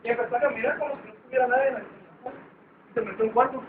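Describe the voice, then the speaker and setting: A man's voice: very high-pitched, fairly even intonation, rapid-fire. A man casually retelling a folk tale in a chatty, informal way with fillers. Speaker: storyteller. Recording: tinny, echoey, distant with faint hiss.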